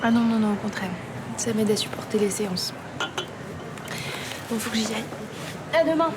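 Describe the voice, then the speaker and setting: A woman's voice: fairly high pitch, expressive, moderate pace, very noisy, lightly acted. An actress playing a downhearted young woman who has just lost her job, in a TV soap drama. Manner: glum, discouraged.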